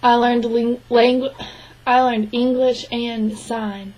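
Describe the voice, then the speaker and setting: Speaking for a deaf man, a woman interprets his signed interview answers aloud in a slightly high, flat, level voice. She is measured and even but often stops and starts over. The recording quality is low.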